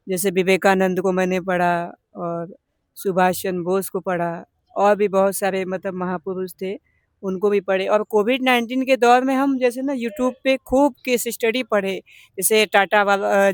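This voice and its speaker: Young guy w/ banaras hindi accent, high smooth voice, rambly and earnest, dry close sound. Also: no echo. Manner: earnest, rambling with many fillers. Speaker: interviewed business owner. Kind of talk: conversational interview answers.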